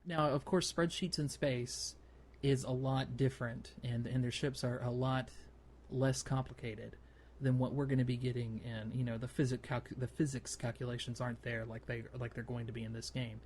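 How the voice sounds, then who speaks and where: A man hosts a gaming podcast, explaining things casually and conversationally with faint noise behind him. His medium-pitched voice is level and a little mellow, at a moderate pace.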